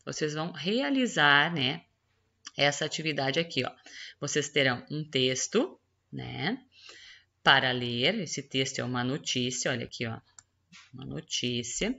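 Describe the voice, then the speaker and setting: A woman teacher with a Brazilian Portuguese accent works through an exercise on screen and drags out each word as she goes over the answers. Her voice is bright, with a gravelly edge. The home recording sounds dull and lo-fi. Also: rumbling low. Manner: explanatory, stretches words slowly while spelling out answers. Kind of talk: correcting a school exercise on screen.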